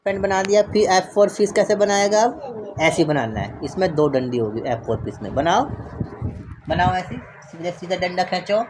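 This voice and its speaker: A man's voice: sits high, expressive, normal speed, noisy background. A man filming a casual home vlog, teaching his small child letters with short, repeated instructions. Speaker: father and family vlogger. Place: at home, indoors.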